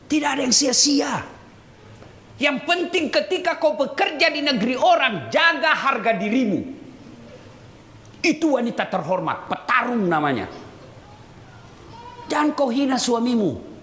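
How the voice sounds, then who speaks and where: High, lively, teasing male preacher. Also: a little slow, long pauses, roomy sound. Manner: swings between loud scolding and low confiding asides; teasing, humorous, addresses listeners directly. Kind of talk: lively sermon to a crowd.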